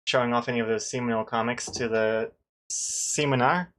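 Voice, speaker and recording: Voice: medium pitch, fairly even intonation, moderate pace, fairly bright tone. A webcomic artist chatting casually and rambling, thinking aloud in a hesitant way.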